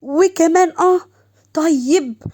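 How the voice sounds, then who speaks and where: A woman storyteller doing a jealous young wife from Egypt in an audio story. Her voice jumps high and sharp with temper, carried on a mellow, darker tone. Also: fast talker, natural voice. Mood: angry.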